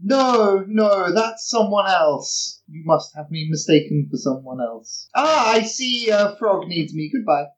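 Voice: sing-song, normal speed, few pauses, slight background noise, natural voice, low-quality recording. A tabletop player voicing a flamboyant, nosy male noble in a raised, gushing voice. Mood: flustered. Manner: effusive, prying questions, high put-on pitch.

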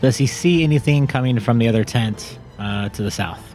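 A man's voice: medium pitch, a little fast, darkish tone, soft background music. A man playing a tabletop game, speaking hesitantly with many fillers and a wry tone. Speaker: player.

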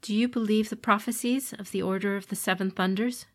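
A woman voicing an earnest young noblewoman warrior who speaks softly in a storybook reading. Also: mid-range voice, fairly even intonation, brisk, close to an everyday voice.

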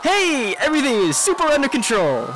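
A woman's voice: sits high, wildly swooping pitch, brisk, noisy background, voice pushed up. A woman voicing a young man who guides the heroine in a breezy, falsely reassuring way. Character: upbeat young man guiding her over radio.

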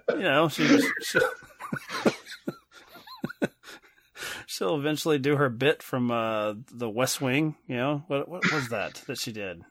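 A man co-hosting a casual film discussion, halting and self-correcting, wry with small chuckles. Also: mid-range voice, animated, a bit bright, a little hiss or hum. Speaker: podcast co-host.

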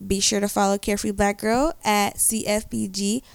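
A woman co-hosting a podcast, upbeat and chatty as she gives shout-outs and plugs. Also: medium pitch, little pitch movement, moderate pace, creaky, smooth, dry recording. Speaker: podcast co-host and blogger. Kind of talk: casual chat.

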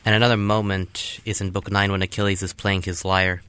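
A man hosting a show, reading epic verse aloud with his own commentary in a measured way. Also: low-pitched, level tone, fairly bright tone, clear, resonant tone, no echo. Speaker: host reading classic literature.

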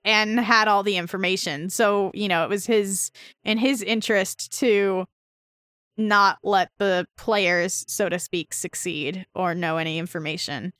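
A woman's voice: mid-range voice, unhurried, smooth, dry recording, clean studio sound. A woman co-hosting a podcast, animatedly retelling a comic story in casual chat. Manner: animated, dramatic retelling with voiced asides. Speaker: podcast co-host.

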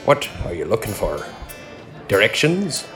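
A man voicing a glum innkeeper with a thick foreign accent, speaking in a low, confiding way. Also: huge pitch swings, a little slow, over music. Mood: wary, grim.

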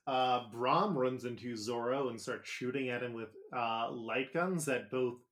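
A man's voice: medium pitch, unhurried, a bit bright, a little hiss or hum. A man co-hosting a podcast, recapping episodes in a casual, joking way with plenty of filler words. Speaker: podcast co-host.

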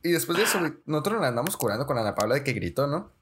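A man's voice: fairly high pitch, racing, slight background noise. Slangy young man telling stories. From Mexico. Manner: slangy, says "güey" constantly, animated storyteller. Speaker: podcast co-host. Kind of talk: casual storytelling chat.

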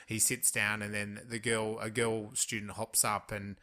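A man's voice: fairly low pitch, little pitch movement, unhurried, sharp tone. A man with an Australian accent co-hosting a casual film discussion, chatty, laughing often and trailing off mid-sentence. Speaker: podcast co-host.

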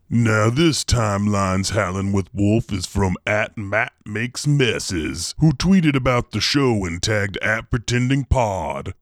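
A man's voice: on the low side, no echo, clean studio sound. A man playing a grimy, bragging pirate radio DJ. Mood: hyped. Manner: slow folksy drawl, crude bragging. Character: grimy boastful male pirate radio DJ, king of mess. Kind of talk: actual-play radio show bit.

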